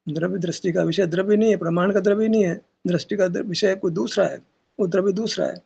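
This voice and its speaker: At a meditation session, a spiritual teacher argues his point through rhetorical questions and casual asides. He talks fast in a high, gravelly, slightly mellow voice with a breathy edge, captured on a dull lo-fi recording.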